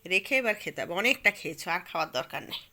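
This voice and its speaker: A woman's voice: lowish voice, lively intonation, quick pace, sharp tone. A woman filming her small child at home on her phone, coaxing and teasing him in a playful way. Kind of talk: casual home video chat. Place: home, by a bed. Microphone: phone camera held while filming.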